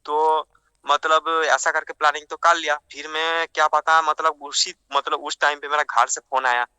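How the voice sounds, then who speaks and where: Man, 20s, rambling storyteller; monotone but bright and crisp, dry close sound. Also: a little high, normal speed, no room sound. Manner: rambling, repeats phrases while retelling. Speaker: interviewee recounting a scam. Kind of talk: casual storytelling.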